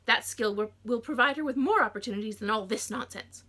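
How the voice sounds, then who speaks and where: A woman voices a fretful, overdramatic middle-aged mother, wailing and scolding in a shrill, theatrical way. Her delivery is brisk and her tone sharp.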